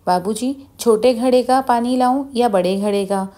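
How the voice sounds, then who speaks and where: A woman's voice: fairly high pitch, normal speed, dark tone, pitched above the performer's own voice, lightly acted. A woman voicing a naive, cheerful young daughter-in-law who asks eager, innocent questions.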